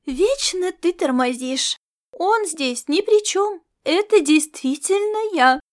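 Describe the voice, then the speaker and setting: Fields: Figure: a woman voicing a cheeky star-cat girl. Pitch: very high. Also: lively intonation, moderate pace. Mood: teasing. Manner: mocking, teasing, then whiny.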